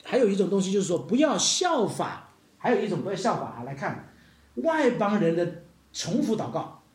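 A man preaching a sermon to his congregation, animated and addressing them directly, acting out the people he describes. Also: sits high, normal speed. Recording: roomy hall echo.

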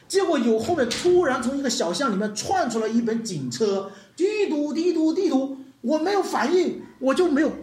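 Brief: lively preacher delivering a sermon, questions the flock, mixes in English words; wide-ranging pitch, hall echo. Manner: asks the congregation questions. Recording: echoey hall.

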